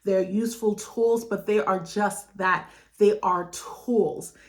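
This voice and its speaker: A woman's voice: medium pitch, fairly even intonation, takes it slowly. A young woman speaking earnestly and reflectively to her phone camera at home, with frequent laughs, in a casual vlog. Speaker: lifestyle vlogger.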